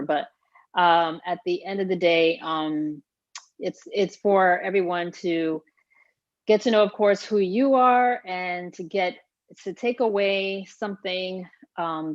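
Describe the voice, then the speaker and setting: Brief: lower-pitched woman coach hosting a live chat, dull lo-fi audio. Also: fairly even intonation, measured pace, dry recording. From Haiti. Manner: chatty, laughs often, many fillers. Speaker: fitness coach and host. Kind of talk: casual live-stream interview.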